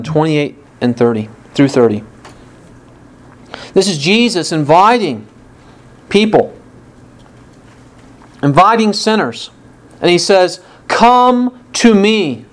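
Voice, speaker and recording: A man's voice: high-pitched, clean tone. A man preaching a sermon with earnest emphasis, from the United States, lifting his voice on the quoted words. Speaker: pastor.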